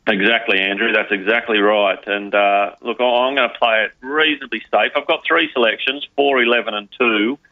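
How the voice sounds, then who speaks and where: Deep-voiced man giving racing tips. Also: brisk, few pauses. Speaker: racing tipster. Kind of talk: horse racing preview commentary on a podcast. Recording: slightly muffled, lo-fi audio.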